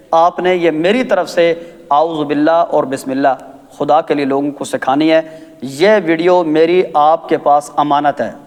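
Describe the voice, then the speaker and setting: A man teaching a tajweed lesson who slowly demonstrates each recitation, checks in with his listeners often and grows passionate when he speaks about common mistakes, with a Pakistani Urdu accent. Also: on the high side, long reverb tail. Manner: drawn-out demonstrations, frequent "theek hai?" checks.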